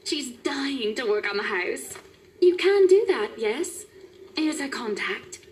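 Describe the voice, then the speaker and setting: A woman's voice: sits high, lively intonation, slow pace, slight background noise. A woman voicing a wealthy, gushing client in a visual novel, affectionate and sweetly bossy, calling everyone darling. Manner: affectionate, calls people darling.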